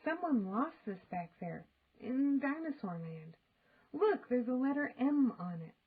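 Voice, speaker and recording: Woman voicing an earnest, high-pitched young boy. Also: big pitch swings, unhurried, breathy edge, phone-quality sound, heavily acted. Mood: puzzled. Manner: questioning, earnest.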